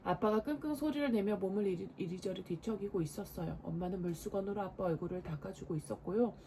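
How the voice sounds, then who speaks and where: A woman in her forties, a mother, reading a storybook aloud to her children at bedtime with lively expression. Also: medium pitch, quick pace, a little hiss or hum. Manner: expressive, lively character voices. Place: home at bedtime.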